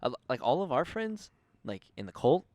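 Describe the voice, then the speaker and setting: A man's voice: medium pitch, big pitch swings, normal speed, a little mellow, no echo. A young man co-hosting a casual podcast chat, loose and profane with lots of slang. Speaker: podcast co-host.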